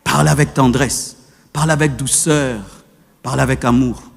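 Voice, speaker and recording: A man's voice: mid-range voice, steady tone, normal speed, vocal fry. Man preaching in a reverberant church. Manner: swings between soft teaching and shouted preaching. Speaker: pastor. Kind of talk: sermon.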